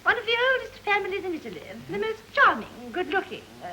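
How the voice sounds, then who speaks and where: A woman's voice: very high-pitched, very animated, fast, bright, forceful tone, heavily acted, rough recording. Affected, swooping titled society lady. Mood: coy. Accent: English. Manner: affected, genteel, cooing. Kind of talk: stagey 1930s early talkie film comedy acting. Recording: hissy early talkie film soundtrack.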